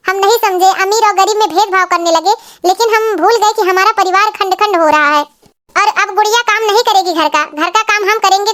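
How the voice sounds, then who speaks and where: A woman's voice: extremely high pitch, sharp tone. A woman voicing a rich, proud young sister-in-law in a cartoon. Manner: proud and snappish. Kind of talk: cartoon voice acting.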